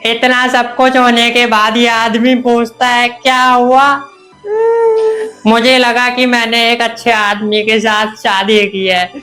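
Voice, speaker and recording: A woman's voice: fairly high pitch, flat delivery, slow pace, bright, forceful tone, faint music behind. A woman playing a melodramatic mother and wife who wails and laments. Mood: lamenting. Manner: dramatic wailing lament.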